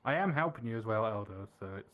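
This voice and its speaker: A man's voice: fairly low pitch, lively intonation, fast talker, fairly bright tone, low-quality recording. A man chatting casually in character in an online role-play game.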